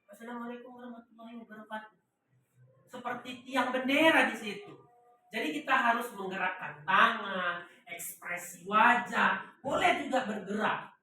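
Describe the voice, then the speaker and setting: A woman's voice: on the high side, lively intonation, unhurried, background noise. A woman teacher giving a classroom lesson, leaving her sentences open for the class to finish. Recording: echoey classroom from far off.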